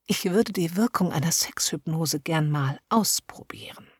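A woman voicing a curious, nervous young woman client, speaking softly and breathily. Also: low voice, measured pace, husky, dry recording, clean studio sound. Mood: curious eager.

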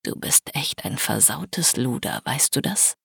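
A woman voicing a wry young adult boyfriend in an audiobook, speaking in a low-key, husky way. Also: big pitch swings, moderate pace, dry recording, studio quality, heavily acted. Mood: hushed. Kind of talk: audiobook character reading.

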